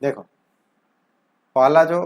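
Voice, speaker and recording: A man's voice: on the high side, steady tone, slow, dull audio. A young man teaching vocabulary in a lesson, asking questions and answering them himself and drawing words out as he says them. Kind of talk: explanatory lesson with questions to the viewer.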